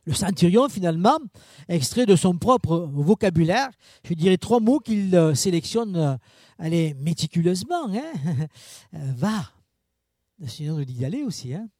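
A man preaches in a loose, conversational sermon style, peppering his points with asides to his listeners. His voice sits high but sounds mellow and dark, and the recording is dry with no room sound. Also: normal speed, no room sound. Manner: chatty, with fillers and asides to the congregation; animated, swinging pitch and loudness.

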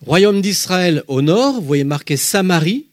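A man leads a Bible lesson, his voice rising and falling with real animation as he stresses names and dates. He sits a little high for a man, and the sound is close and dry, with no room around it. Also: a little slow, no echo. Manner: emphatic, lively teaching with spoken asides. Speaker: Bible teacher. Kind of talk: Bible study lesson with slides.

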